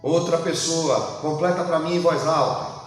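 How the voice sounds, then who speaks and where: A man's voice: a little high, normal speed, far from the mic, faint music behind. A man with a Brazilian Portuguese accent, preaching a Bible study sermon and asking his congregation questions. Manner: asks the congregation questions and prompts them to answer aloud. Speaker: pastor. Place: church hall. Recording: very echoey hall, voice from afar.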